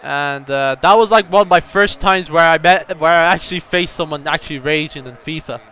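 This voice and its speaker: A young man commentating his own gameplay, telling a story and bursting into excited shouts at the game. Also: a little high, brisk. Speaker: gaming YouTuber.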